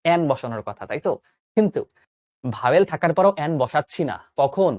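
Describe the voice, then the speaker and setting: A man's voice: fairly high pitch, fast talker, dry recording. A young man teaches an online grammar lesson, asking questions and answering them himself. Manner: lively, coaxing, asks and answers own questions. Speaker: admission exam tutor.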